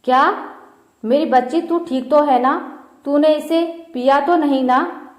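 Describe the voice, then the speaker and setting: A woman voicing a storybook mother-in-law, middle-aged and harsh, scolding and shrill, fairly high voice, slow and deliberate delivery, set in a roomy space with audible echo. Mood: worried, accusing.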